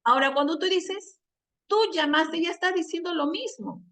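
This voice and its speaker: A teacher with a high, bright voice gives a classroom lesson on Spanish usage. She explains patiently, checks understanding with short questions, and slows down to stretch out the examples she wants students to hear.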